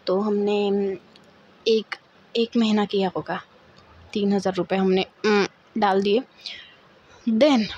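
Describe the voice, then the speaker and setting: A young woman in her twenties telling a storytime vlog story in a lively, dramatic way. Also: mid-range voice, lo-fi sound, slight background noise. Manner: animated, dramatic, acts out others' lines. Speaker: vlogger. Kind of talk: casual storytime.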